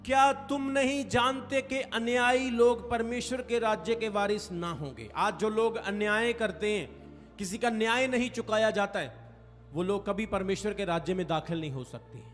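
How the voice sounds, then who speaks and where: At a moderate pace, a pastor with a high-pitched, slightly bright voice preaches to his congregation, stressing and drawing out key phrases and calling for replies. Faint music sounds in the reverberant hall.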